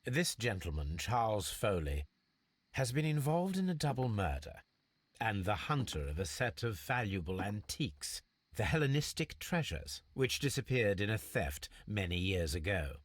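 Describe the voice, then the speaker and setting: An actor playing a self-assured, calculating gentleman detective in a video game, speaking formally and precisely. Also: fairly low pitch, very animated, moderate pace.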